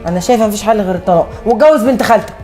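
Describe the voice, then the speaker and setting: A woman's voice: medium pitch, racing, mellow, faint music behind. A middle-aged woman with an Egyptian accent acting a nagging, disapproving mother. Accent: Egyptian Arabic.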